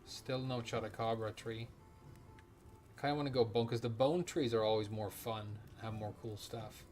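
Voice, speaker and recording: A man with a fairly low, slightly mellow voice chats casually at a moderate pace while streaming a video game, with faint music behind him. A native Japanese speaker, he rambles, swears now and then, and reads viewer questions from chat aloud during his live stream.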